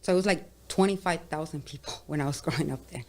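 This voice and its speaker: Woman, from Sonora, young adult, low voice, chatty interview guest. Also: fast. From Sonora, Mexico. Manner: open, chatty, says "like" and "you know" often. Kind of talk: casual interview chat.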